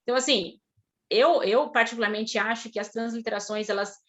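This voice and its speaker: Brazilian woman speaking haltingly on a video call. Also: on the high side, fairly even intonation, fairly bright tone. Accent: Brazilian Portuguese. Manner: thoughtful, halting, many restarts and tag questions. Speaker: guest speaker on Russian literature. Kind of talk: online talk answering audience questions.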